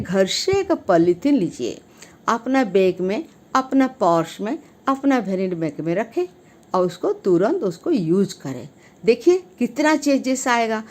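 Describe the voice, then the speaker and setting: A woman hosting her channel, giving an earnest talk to camera on civic duty. She speaks emphatically, with frequent rises in pitch and loudness, and hesitates with fillers and restarts between phrases.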